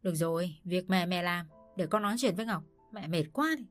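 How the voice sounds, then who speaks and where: Casting: a woman playing a weary, placating young husband, low voice, storybook. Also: a little fast, soft background music, lightly acted. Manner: tired and placating.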